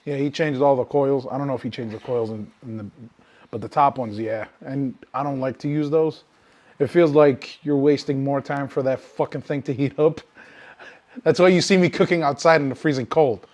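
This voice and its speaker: This man's voice is medium in pitch and moves at a moderate pace. Co-hosting a podcast, he chats casually and drifts through stories in a loose, rambling way, cursing often and livening up whenever he tells one.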